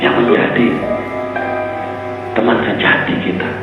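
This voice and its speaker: Reverberant man singing slowly and solemnly. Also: fairly low pitch, steady tone. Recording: muffled, long reverb, loud music. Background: loud music.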